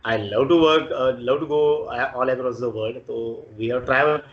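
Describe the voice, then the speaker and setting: Guy late 40s w/ marathi indian accent, kinda halting, repeats himself, casual interview, boxy echoey room sound. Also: mid-range voice. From Konkan, Maharashtra, India. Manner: halting, repeats words and phrases. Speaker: interviewee, IT professional. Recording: dull, echoey room recording.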